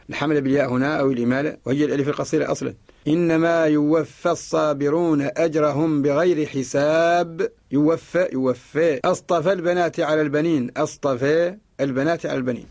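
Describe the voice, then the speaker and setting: Fast-talking Mauritanian sheikh teaching. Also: male voice, mid-range voice, darkish tone. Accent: Mauritanian Arabic. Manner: quotes verses and repeats words while explaining. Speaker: sheikh teaching Quranic spelling. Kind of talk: radio lesson explaining a verse text.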